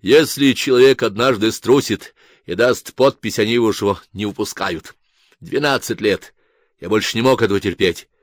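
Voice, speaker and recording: A man's voice: lowish voice, normal speed, dry recording, clean studio sound, natural voice. A man voicing an agitated male artist confessing and justifying himself in a radio interview. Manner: agitated, self-justifying, emphatic.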